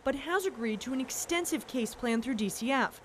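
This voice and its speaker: A woman narrates a news report in a measured, scripted way. Her voice sits fairly high, and faint ambient hum runs underneath. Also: animated.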